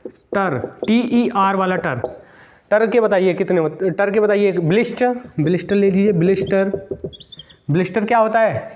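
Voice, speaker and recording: A man teaching English grammar for competitive exams, emphatic, repeating words and spelling them out letter by letter. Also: high-pitched. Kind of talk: exam-prep grammar lesson.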